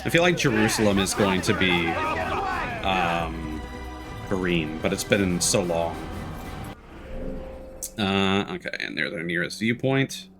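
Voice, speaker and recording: A game streamer with a low, animated voice offers easygoing gameplay commentary, musing aloud with amusement at a slow pace with long pauses. Video game music plays behind him.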